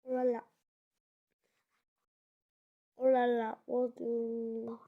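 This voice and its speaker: A woman chatting casually as a vlogger, halting and often restarting her sentences. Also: on the high side, monotone. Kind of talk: casual chat. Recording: tinny phone-like sound.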